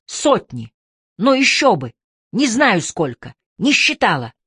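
A woman's voice: medium pitch, big pitch swings, takes it slowly, husky, no echo, clean studio sound, voice pushed up, exaggerated voice. A woman voicing a bitter, worn-out wife and mother who snaps back. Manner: sharp, bitter. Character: embittered, weary young mother.

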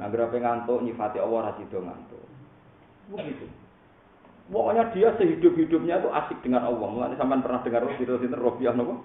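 A man with a Javanese accent giving a relaxed, humorous religious study sermon. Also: medium pitch. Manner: casual, humorous, mixing in regional words. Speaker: Islamic preacher. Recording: echoey phone-like recording, faint noise.

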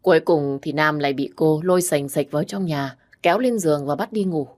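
A woman narrating a story in a plain, even storytelling manner. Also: deep voice, fairly quick. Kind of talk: storybook narration of a romance novel.

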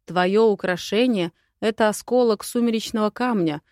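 A calm dragon prince from a fantasy storybook, steady and earnest as he reasons, read by a woman in her own voice. The recording is close and dry, with no room around it. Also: mid-range voice, normal speed, dry recording, close to an everyday voice.

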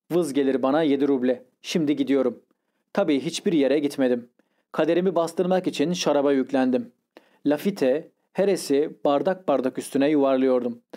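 A man narrates a literary audiobook in a measured, expressive way. His voice sits a little high for a man. The tone is soft and mellow.

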